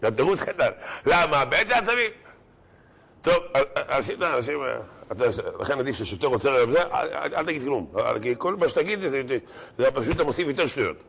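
A man's voice: on the high side, breathy edge. A man giving a sermon to a crowd, telling joke stories and acting out the characters in them. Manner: animated storyteller, acting out characters. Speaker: religious lecturer.

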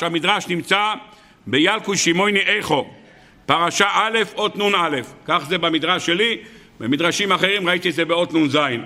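A man's voice: sits high, sharp tone, in a large hall. A man teaching a religious lesson, telling a story and asking rhetorical questions that he then answers. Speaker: Torah teacher.

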